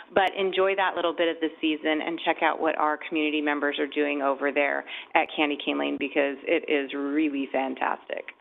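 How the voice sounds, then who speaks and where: A woman speaking as a council member, warm and enthusiastic. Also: low voice. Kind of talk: council meeting remarks. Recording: tinny phone-like broadcast audio.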